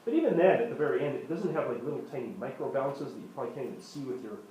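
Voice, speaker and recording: Man, math teacher, classroom lecture, lively pitch, occasional cough, asks students questions. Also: rapid-fire, a little hiss or hum. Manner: coughing now and then, apologetic. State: coughing, slightly hoarse. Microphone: tablet screencast mic.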